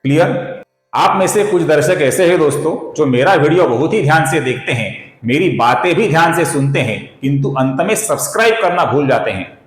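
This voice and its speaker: A man teaching the correct pronunciation of a Sanskrit verse in a slow, careful recitation lesson, breaking words down syllable by syllable and chanting the lines, often calling his listeners friends. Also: a little high, expressive, roomy sound. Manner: addresses viewers as friends.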